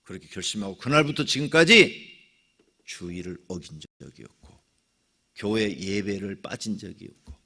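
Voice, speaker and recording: Man, middle-aged, pastor, dawn sermon testimony, dramatic storyteller, gravelly, lively pitch. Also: normal speed. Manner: dramatic storytelling, swings from loud cries to whispers.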